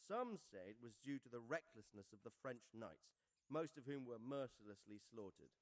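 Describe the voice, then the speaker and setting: A man's voice: medium pitch, animated, moderate pace, no room sound, natural voice. An actor playing a worldly, fatherly medieval lord in a game, explaining patiently and wryly. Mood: grave. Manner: explanatory, wry. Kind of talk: scripted dramatic game dialogue.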